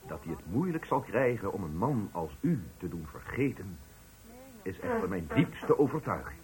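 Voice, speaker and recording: With a low, sing-song voice at normal speed, a man performs a formal farewell speech as a pompous, condescending company director in a Dutch radio drama, sounding ceremonious and unctuous. A crowd can be heard behind him, and the audio quality is poor.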